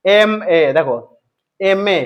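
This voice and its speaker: A man with a Bengali accent teaching English grammar, asking his students questions and answering them himself, repeating key points slowly. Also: high voice, smooth, highs cut off. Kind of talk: explanatory grammar lesson.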